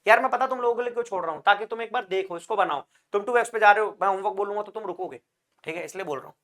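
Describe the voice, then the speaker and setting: Speaking very fast in a high, fairly bright voice, a male chemistry teacher drills students for exams. He answers questions he poses himself, addresses students as brother and child, and uses jokey puns as memory devices.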